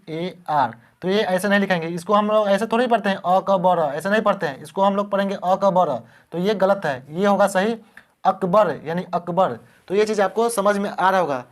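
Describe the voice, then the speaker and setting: A man teaching beginners how to spell words, patiently repeating each word and asking the class questions. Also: high-pitched.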